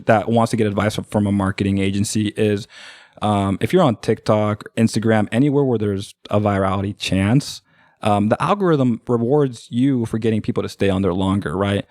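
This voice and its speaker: A man from Oregon with a lowish voice chats casually as a podcast guest. He rambles and fills his talk with "like" and "right?". The studio sound is close and dry. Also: normal speed, a little mellow, no echo. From Oregon, USA. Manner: rambling, filler-heavy talk with constant "like" and "right?". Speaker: guest, marketing agency owner.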